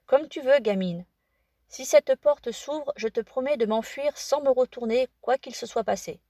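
A woman voicing a weary old male tramp in a storybook reading, with a slow, grudging drawl. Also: sits high, mellow, dry recording, clean studio sound.

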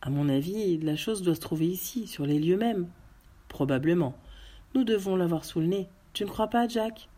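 A woman's voice: fairly low pitch, lively intonation, normal speed, mellow. A woman voicing a group of hungry policemen talking bluntly over a meal. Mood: casual. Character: hungry policemen eating, men, casual.

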